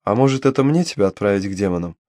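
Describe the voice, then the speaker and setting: A man's voice: fairly low pitch, animated, racing, mellow, no echo, studio quality, close to an everyday voice. A man voicing a furious, vengeful young demoness noblewoman who speaks with spite and menace. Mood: angry, gloating.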